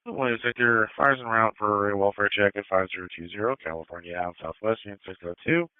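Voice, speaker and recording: A man's voice: lowish voice, fast, smooth, no echo. A man working as a dispatcher, relaying call details to units in procedural police radio style. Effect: police radio transmission. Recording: phone-like narrowband scanner audio.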